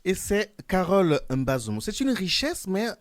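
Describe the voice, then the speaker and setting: A man hosting a radio talk show in a studio, asking his guests long, formal questions in a measured way. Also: high-pitched, big pitch swings, slight background noise. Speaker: radio host.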